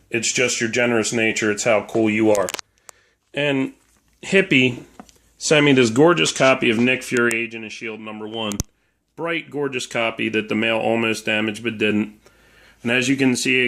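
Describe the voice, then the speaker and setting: Hungover guy doing a casual vlog, kinda ornery, mid-pitched voice, storytelling style. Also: a bit bright. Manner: conversational storytelling, acting out quoted dialogue. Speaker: vlogger, comic collector. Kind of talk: casual monologue to camera showing comic haul.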